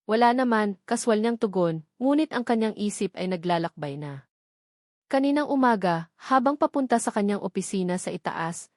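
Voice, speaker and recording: This is a scripted, dramatic romance story read by a female narrator with a Filipino accent. Her medium-pitched voice is a little mellow, and the studio sound is clean with no echo.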